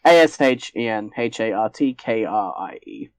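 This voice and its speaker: A man chats casually as a tabletop game player. His pitch moves around a lot and the sound is close and dry. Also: lively intonation, normal speed, no room sound. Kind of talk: casual chat.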